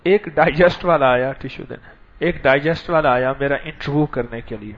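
A man hosting a spiritual gathering, speaking to the audience in a lively, coaxing, conversational way. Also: fairly high pitch. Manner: animated, coaxing, quick back-and-forth. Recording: dull lo-fi recording.

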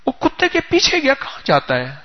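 A male preacher telling a story in a sermon, speaking straight to his listeners. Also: very high-pitched. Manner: animated, addresses listeners directly. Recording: dull lo-fi recording.

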